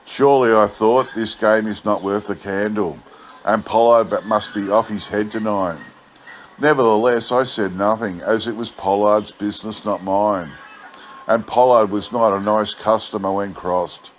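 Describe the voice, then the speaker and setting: Low-voiced man, laconic outback drawl. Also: steady tone, normal speed. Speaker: story reader. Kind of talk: scripted narration of a bush yarn. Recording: clear background noise.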